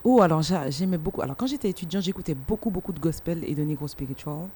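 A middle-aged singer and musician with a Martinican French accent is interviewed as a guest, telling her own story in a casual, emphatic way. Her voice is deep, dark and slightly rough, and she speaks fast and expressively.

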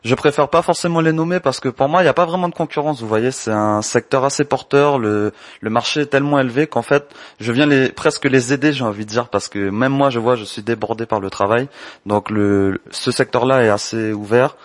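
A man in his twenties from French Guiana, answering interview questions about his business in a measured, explanatory way. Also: medium pitch, no room sound. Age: 20s. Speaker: entrepreneur, candle maker.

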